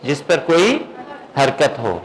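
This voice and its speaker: Man, tajweed teacher, fairly high voice, patient, keeps checking understanding, slight hiss behind. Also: big pitch swings, poor audio. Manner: drawn-out demonstration of recited words. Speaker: Quran recitation teacher. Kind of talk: classroom lesson on tajweed.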